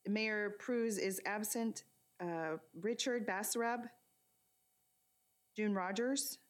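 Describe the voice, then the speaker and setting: A woman acting as meeting clerk, calling the roll name by name in a measured, unhurried way. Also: mid-range voice. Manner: slow, measured reading of names.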